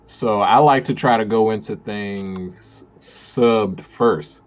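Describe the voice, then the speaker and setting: A man co-hosting a casual chat about anime, opinionated and animated. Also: on the low side, slow, dull audio. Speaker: podcast co-host.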